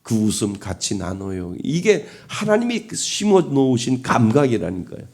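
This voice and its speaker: A man's voice: medium pitch, wildly swooping pitch, moderate pace, creaky, darkish tone, breathy edge. A middle-aged man preaching a sermon as pastor, asking the congregation rhetorical questions.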